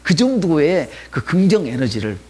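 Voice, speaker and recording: Animated husky-voiced man preaching. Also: fairly high pitch, normal speed. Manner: animated preaching, shouting hallelujahs, dropping to whispers. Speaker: pastor. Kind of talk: sermon.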